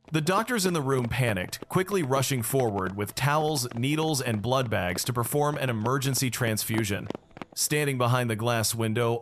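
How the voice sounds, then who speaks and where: A man's voice: medium pitch, fairly bright tone. A man narrating a dramatic story recap in the first person.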